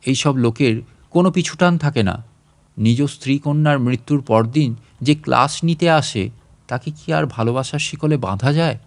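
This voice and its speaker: Narrating a literary tale in the first person, a slightly high-voiced man reads with an expressive yet reflective, measured manner.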